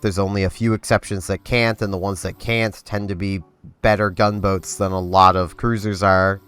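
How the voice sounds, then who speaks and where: A young man with a congested voice hosts a gaming channel, rambling casually over gameplay with plenty of fillers, restarts and self-interruptions. His voice is low and smooth, a bit bright, with a level tone at normal speed. The recording is dry and close, with faint game music underneath.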